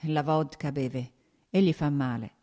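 A woman's voice: sits low, unhurried, mellow. A woman voicing a timid, anxious young woman who speaks simply and shyly, read as an audiobook character. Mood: worried.

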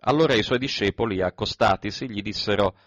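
A man reading scripture aloud in a measured, even recitation. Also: on the low side, no room sound, lo-fi sound. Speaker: scripture reader.

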